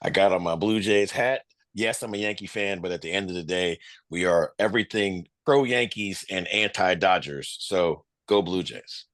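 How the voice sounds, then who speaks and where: A man with a very low voice co-hosts a podcast in easy, casual chat. He often stumbles and repeats words as he restarts his thoughts. The sound is dry and close. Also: normal speed, a bit bright, no room sound. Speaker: podcast co-host.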